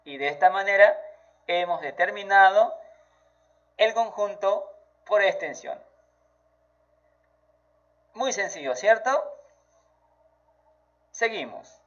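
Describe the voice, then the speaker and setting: A man gives a children's math lesson in a high voice that swings up and down. He talks slowly and keeps encouraging the child. The audio sounds dull and lo-fi. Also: lively intonation, fairly bright tone. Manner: slow, encouraging, praising the child. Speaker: teacher.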